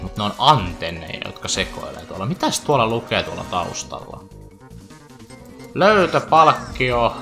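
A man's voice: on the low side, sharp tone. A man giving chatty, joking let's play commentary over a video game, with playful asides. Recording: faint game music behind.

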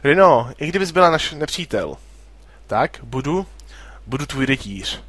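A man's voice: medium pitch, sing-song, a bit bright, no room sound. A man reading the lines of a reserved, earnest young mercenary in a plain voice. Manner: plain reading of a translated game script.

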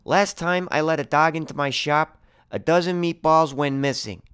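A man voicing a gruff, blunt woman butcher in a storybook read-aloud. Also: fairly high pitch, normal speed, fairly bright tone, pitched above the performer's own voice, close to an everyday voice. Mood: gruff, grudging. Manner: blunt, brusque.

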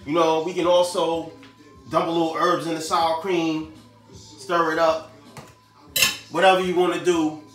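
A man's voice: on the high side, little pitch movement, measured pace, pauses often, fairly bright tone, soft background music. A man hosting a home cooking show, talking casually to viewers in slang while he fills potatoes. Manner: slangy, chatty, talks to viewers as he cooks.

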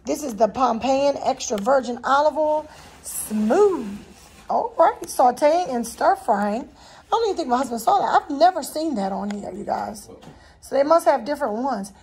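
Holding the phone herself in a home kitchen, this vlogger chats casually and folksily with viewers about her groceries. Her high voice is animated, gravelly and darkish at normal speed, and the rough recording carries a little hiss or hum.

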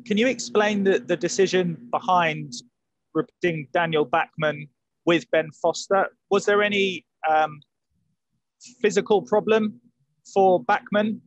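A man in his forties asks a manager questions over a video call with earphones, rephrasing as he goes. His voice sits high for a man. The sound is close and dry. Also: unhurried, dry recording, lo-fi sound. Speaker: journalist. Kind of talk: press conference questions. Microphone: earphone headset on video call.

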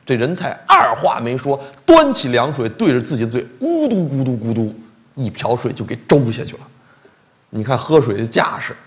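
Animated gravelly male lecturer. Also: a little high. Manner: animated, colloquial, asks the audience questions. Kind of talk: comic storytelling lecture.

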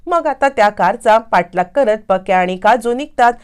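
A woman's voice: on the high side, animated, clean tone. Woman retelling a TV serial plot. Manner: brisk storytelling, acts out all dialogue. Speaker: narrator. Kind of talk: serial episode recap narration.

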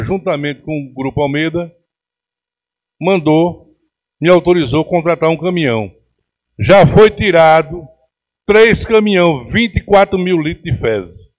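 A man's voice: on the high side, a little mellow, poor audio. A middle-aged man with a Pernambuco accent giving an emphatic, indignant plenary speech as a city councillor at a podium microphone in a council chamber. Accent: Pernambuco Brazilian Portuguese. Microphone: podium microphone on stand.

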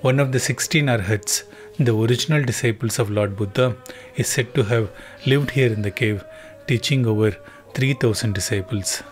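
A man narrating a travel documentary in a calm, even, scripted voice-over. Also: mid-range voice, moderate pace. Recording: voice-over with music underneath.

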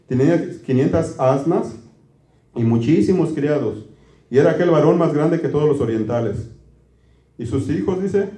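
A pastor delivers a chatty, folksy sermon and keeps quizzing his listeners. His voice sits a little high yet sounds mellow and warm. The room around him is echoey. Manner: folksy, quizzes the congregation with questions. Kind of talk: conversational sermon.

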